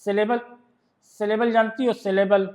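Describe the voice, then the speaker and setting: A man's voice: high voice, little pitch movement, a little mellow, soft background music. A man with an Indian accent teaching a shorthand lesson, explaining rules step by step and often checking whether his students have understood. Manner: reads rules aloud in English slowly, then explains in Hindi. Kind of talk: classroom lesson.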